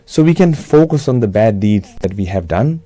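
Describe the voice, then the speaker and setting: A man with a Sri Lankan accent speaks in a mellow, relaxed tone, close and dry. He delivers a religious address in measured, simple phrases, like a teacher explaining step by step. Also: fairly low pitch, no echo. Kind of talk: religious talk, New Year address.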